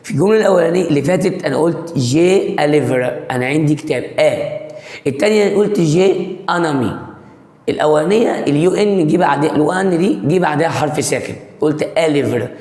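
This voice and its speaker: A man's voice: fairly high pitch, a little mellow. A man with an Egyptian Arabic accent, teaching a language lesson. He explains step by step, quizzes the listener and answers his own questions. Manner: reads example sentences out slowly. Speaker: French teacher. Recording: echoey room with a long reverb.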